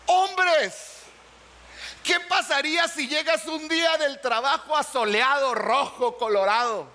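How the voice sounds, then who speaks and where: Male pastor, very high voice, lively preaching in a church hall. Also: normal speed. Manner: animated preaching, asks the congregation questions, acts out little dialogues. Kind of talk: sermon.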